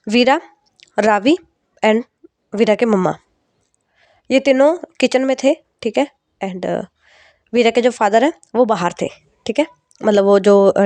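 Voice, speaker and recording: A woman's voice: mid-range voice, darkish tone, dry recording. A woman, narrating a story casually with frequent check-ins to the listener.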